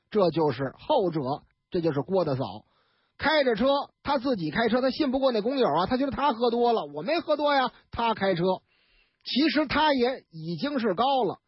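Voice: mid-range voice, slightly rough, dry recording. A radio storyteller with a Beijing accent, telling a tale in chatty colloquial style with sound effects and asides. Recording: dull, dry radio studio recording.

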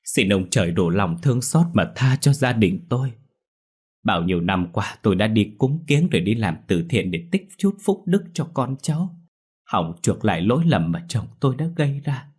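A man's voice: lowish voice, big pitch swings, moderate pace, a little mellow, husky. A man voicing a grieving old grandmother in an audio ghost story, wailing and pleading.

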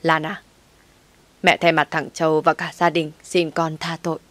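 Woman doing elderly mother-in-law, low, pleading, soft, dry recording. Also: flat delivery, normal speed, no echo.

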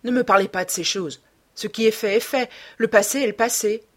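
A woman reading the part of a cynical, self-assured young man in an audiobook, in a smooth, detached way. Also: on the low side, expressive, normal speed. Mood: curt. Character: cold, cynical young male dandy.

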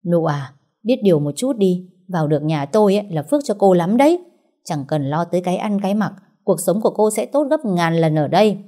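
A woman voicing a boastful, greedy older matron who talks down and turns shrill. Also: expressive, fairly quick, warm tone. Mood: haughty. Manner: haughty, shrill when angry.

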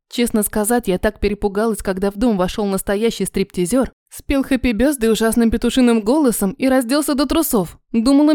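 A woman narrates an audiobook in the first person, wry and confessional. Her voice is fairly high but mellow, recorded close and dry. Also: no room sound.

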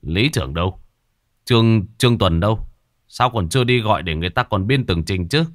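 A man's voice: low-pitched, animated, normal speed, bright, forceful tone, no echo, studio quality. A man voicing a stern, proud old former village chief speaking in a commanding tone.

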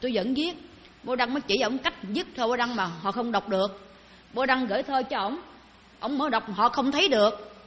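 A woman's voice: fairly high pitch, a little fast. A woman giving a Buddhist dharma talk, chatting with her audience and asking them questions. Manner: conversational, asks the audience questions. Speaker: Buddhist teacher. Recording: long hall reverb.

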